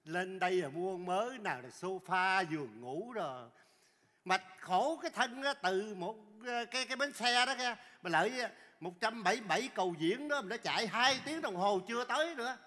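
A male comedian playing a loud, cocky country man who brags about his wealth in a stage sketch. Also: high voice, brisk, long reverb tail. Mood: bragging. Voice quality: loud, excitable, bragging.

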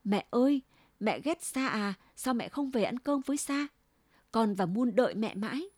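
A woman's voice: on the high side, very animated, a little slow, darkish tone, no room sound. A woman voicing a small girl who pleads tearfully with her mother in a story reading. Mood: tearful pleading. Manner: pleading, sobbing.

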